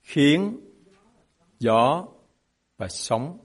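A man's voice: a little high, expressive, very slow, breathy edge. A man preaching a sermon as a pastor, emphatic and asking his congregation rhetorical questions.

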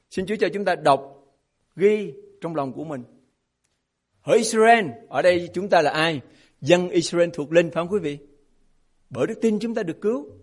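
Man, pastor, sermon, breathy voice, emphatic rhetorical questions. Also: high voice.

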